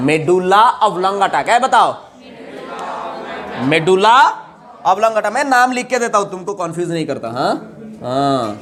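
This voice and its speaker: A male teacher, his voice pitched well above most men's, running a lecture. He keeps asking his students what each term is, then says the answer back himself. His Hindi is dotted with English technical words. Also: fairly bright tone. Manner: repeats questions and asks students to answer back; mixes English terms into Hindi speech. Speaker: biology teacher. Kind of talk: classroom lecture.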